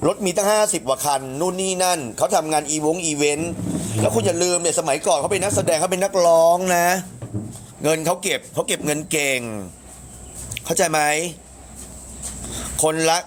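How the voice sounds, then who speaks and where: A man talks casually on a live stream, gossiping in crude slang and often jumping into a higher voice to quote other people. His voice sits somewhat high. Faint room noise runs behind him. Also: normal speed. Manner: chatty, crude slang, shifts into higher voice when quoting others.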